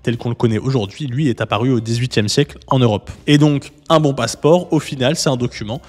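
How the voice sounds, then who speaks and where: A man hosting a casual explainer video, talking viewers through a website in a relaxed, chatty way with frequent fillers and restarts. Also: medium pitch, quick pace, husky, big-room sound. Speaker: YouTube host, legal consultant. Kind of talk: casual explainer with screen walkthrough.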